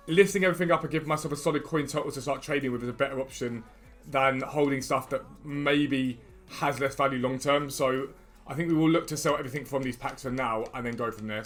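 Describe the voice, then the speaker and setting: A gaming YouTuber with a medium-pitched, fairly bright voice hosts a casual, chatty video, talking straight to his viewers. He can't pronounce his R's properly and says them like w.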